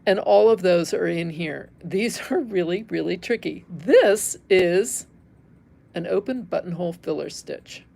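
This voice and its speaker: Hosting an informal live embroidery demonstration, this middle-aged American from Northern California talks conversationally with viewers, thinking out loud while she stitches. She has a mid-range, slightly mellow voice with vocal fry.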